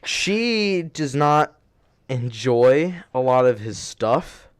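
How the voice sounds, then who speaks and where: A young man co-hosting a casual podcast who tells long stories in an animated way, with lots of "like" and "uh". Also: mid-range voice, drawn-out words, clean tone, no room sound, studio quality. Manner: animated storyteller, frequent fillers. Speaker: podcast co-host.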